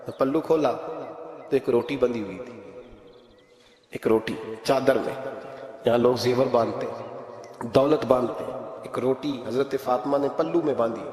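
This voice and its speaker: A middle-aged man preaching a sermon, swinging between loud emphatic peaks and quiet storytelling. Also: mid-range voice. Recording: echoey hall reverb.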